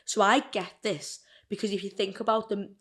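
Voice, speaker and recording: At a moderate pace and medium pitch with fairly even intonation, a woman co-hosts a podcast, casually and chattily reading a true-crime case from her notes and sometimes fumbling words. Her voice sounds slightly rough, and she burps and hiccups during the telling.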